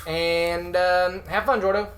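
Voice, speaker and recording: A man's voice: high voice, little pitch movement, slow pace, fairly bright tone, slight background noise. A man hosting a comedy podcast, rambling and boastful about himself. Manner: boastful, rambling and self-important. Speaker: podcast host. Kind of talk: comedic character monologue.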